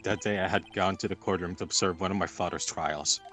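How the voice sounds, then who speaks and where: A man's voice: sits low, steady tone, brisk, lightly acted. A man voicing a composed young male attorney, reading his story plainly in a fan reading over a game. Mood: recounting. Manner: plain reading, breaks into laughs. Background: game music.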